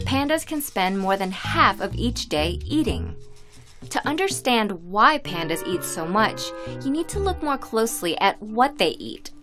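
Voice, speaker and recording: A woman giving scripted, clear, informative documentary narration. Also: mid-range voice. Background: music.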